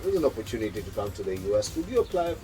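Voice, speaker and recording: A man with a Kenyan accent answers an interviewer's questions at an unhurried, halting pace. His voice sits low and dark, thick with pauses and filler sounds. Faint music plays behind him. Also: big pitch swings, poor audio. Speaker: interview guest. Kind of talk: casual interview chat.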